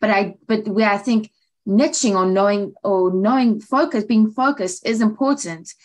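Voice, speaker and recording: A woman's voice: medium pitch, moderate pace, rough recording. A woman with an American accent co-hosting a casual talk for writers, upbeat and affirming, with many casual fillers. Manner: upbeat, affirming, uses 'like' often. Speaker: co-host, director of training. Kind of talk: casual conversational chat.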